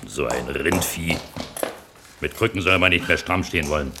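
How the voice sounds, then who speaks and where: A blind, bitter wounded soldier speaks with gruff, blunt contempt. His voice is very deep. He sounds like a figure from an old-style radio play. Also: normal speed, background noise. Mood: scornful.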